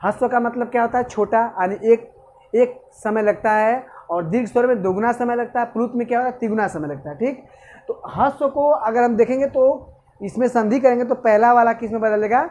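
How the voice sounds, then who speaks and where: A man's voice: very high voice, quick pace, darkish tone, slight background noise. A male teacher giving an exam-prep grammar lesson, asking questions and answering them himself. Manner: asks and answers own questions, repeats "okay".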